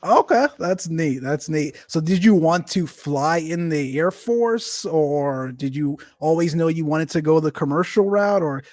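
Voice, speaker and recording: A man with a fairly high voice hosts a casual aviation podcast in a dry, close-sounding recording. He talks in a relaxed, welcoming way, full of "uh" and "you know.". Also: measured pace, hardly any pauses, no room sound. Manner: relaxed, filler-heavy, welcoming. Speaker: podcast host.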